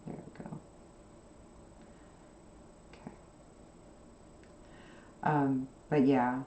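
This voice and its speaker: A soft-spoken woman with a very low, mellow voice chats casually while she sews, wandering between topics at an unhurried pace. She sounds like she is in a roomy space, with a faint hum of noise behind her. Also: flat delivery. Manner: rambling, soft-spoken, with frequent fillers. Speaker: craft channel host. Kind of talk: casual chat while sewing.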